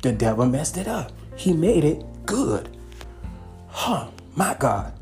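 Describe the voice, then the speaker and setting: A man's voice: fairly high pitch, sing-song, slow, darkish tone, faint music behind. A man preaching a podcast sermon, pleading and repeating himself, stopping often to check his listeners are with him. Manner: repetitive, pleading, peppered with "okay" and "hallelujah".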